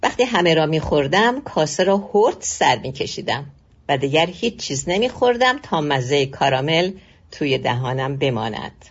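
An older narrator reading a personal memoir slowly and wistfully, with long pauses. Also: mid-range voice, sing-song, breathy edge. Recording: dull lo-fi recording. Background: faint music.

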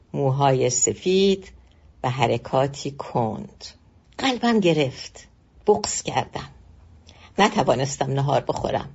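An older narrator reading a personal memoir slowly and wistfully, with long pauses. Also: mid-range voice. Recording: dull lo-fi recording. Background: faint music.

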